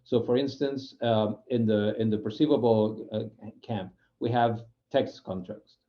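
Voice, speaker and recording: Lo-fi audio captures a man from Spain with a lowish, unhurried voice presenting informally in non-native, Spanish-accented English. A UX program manager speaking as a guest, he often restarts phrases and searches for the right words.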